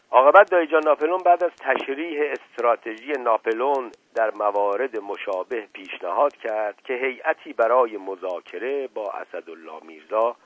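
A man narrating a novel aloud in an expressive storytelling manner. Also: fairly low pitch, breathy edge. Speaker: audiobook narrator. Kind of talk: dramatic reading of a novel. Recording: tinny phone-like dry recording.

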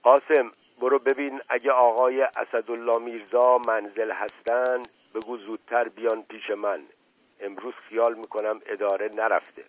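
A male narrator voicing a pompous, paranoid older patriarch who lectures gravely, in a storybook reading. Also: mid-range voice, little pitch movement, lightly acted. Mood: stern. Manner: grave, lecturing and self-important. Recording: tinny narrow-band radio sound, dry.

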